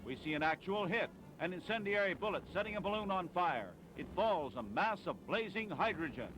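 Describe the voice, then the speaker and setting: In a fairly high, animated voice, a man narrates a 1940s newsreel at a fairly quick clip. His delivery is clipped and declamatory, set against prominent music on a vintage soundtrack, and the audio quality is poor.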